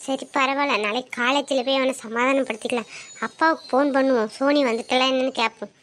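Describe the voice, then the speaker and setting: A woman's voice: high voice, fairly even intonation, a bit bright. A woman playing a chatty young college student who talks to her boyfriend and her parents on the phone. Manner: chatty, quick to reassure. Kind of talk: skit acting.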